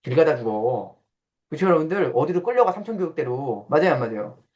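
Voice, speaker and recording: A man lectures a small room in a loose, joking way, with a lively voice that swings up and down. He is slightly high-pitched and blunt, and he teases his listeners with questions. The recording sounds dull and lo-fi. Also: quick pace. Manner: blunt and teasing, questions the audience; acts out quoted voices with coarse banter. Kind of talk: casual classroom lecture.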